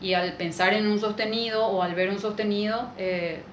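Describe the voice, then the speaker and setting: A woman's voice: mid-range voice, steady tone, normal speed. Music teacher lady, patient explaining, keeps asking "right?", echoey room. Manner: patient, explanatory, asks rhetorical questions with "¿verdad?". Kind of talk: explaining music theory lesson. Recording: echoey room with faint noise.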